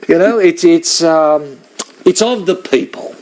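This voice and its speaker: An Australian man giving a dry, deadpan mock sports interview, rambling with lots of fillers. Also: on the high side, measured pace.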